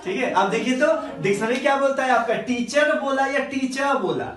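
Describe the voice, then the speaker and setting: A teacher explaining grammar to a class, drawing words out slowly and quizzing the students. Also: high-pitched, a crowd in the background. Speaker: English teacher. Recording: echoey classroom from a distance.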